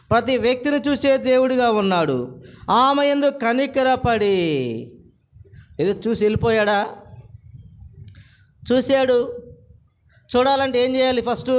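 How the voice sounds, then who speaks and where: A man preaching a sermon, repeating phrases and asking the congregation rhetorical questions. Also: high-pitched. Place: church service.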